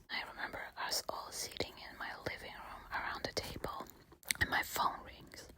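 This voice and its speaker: A woman telling a casual, candid ASMR storytime in a quiet, hushed late-night whisper. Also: low-quality recording. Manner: casual, candid, swearing freely.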